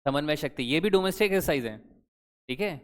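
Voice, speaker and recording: A young man leads an exam-prep lesson in a conversational, quizzing way, often asking his students questions. His voice is smooth and sits a little high. A long reverb trails behind his words, as if he is speaking in a hall. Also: lively intonation, fast talker. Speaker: current affairs teacher.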